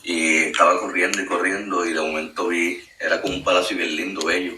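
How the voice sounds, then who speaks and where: Earnest man, low voice, testimony; echoey room, distant mic, faint noise. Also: little pitch movement, a little fast, bright, forceful tone. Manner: earnest, storytelling with many fillers. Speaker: guest sharing a testimony. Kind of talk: emotional spoken testimony.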